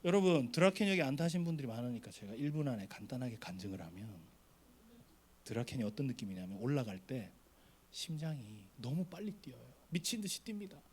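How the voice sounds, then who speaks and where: A man's voice: medium pitch, very animated, fast talker, a little mellow, slightly rough. A middle-aged man, a pastor, telling a story in a sermon to a youth retreat and acting out the voices.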